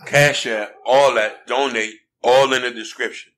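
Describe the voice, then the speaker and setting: An American man co-hosting a casual podcast, earnest and a little preachy. His voice sits in a middle pitch and keeps checking in with the listener as he talks. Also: steady tone, measured pace, a bit bright. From United States. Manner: earnest, preachy, fond of "you know what I mean". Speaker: podcast co-host. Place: podcast studio in Florida.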